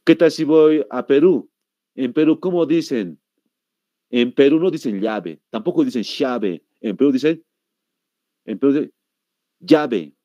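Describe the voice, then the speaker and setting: A man with a Bolivian Spanish accent gives a classroom lecture, asking the class questions and answering them himself, and repeating words slowly to show how they are said. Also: a little high, dark tone, no echo, highs cut off. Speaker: teacher.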